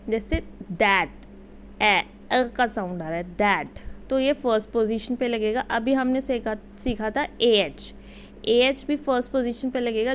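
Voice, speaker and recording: Young woman, slightly high voice, unhurried teacher. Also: a little hiss or hum. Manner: slow, patient explaining. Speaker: shorthand teacher. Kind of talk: casual Hindi-English lesson.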